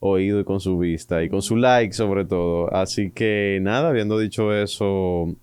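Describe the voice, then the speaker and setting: A Dominican man with a low, clean voice hosts a casual podcast. He talks colloquially with a joking touch, and the sound is dry with little room in it. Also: moderate pace, darkish tone, smooth, no room sound. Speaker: podcast host.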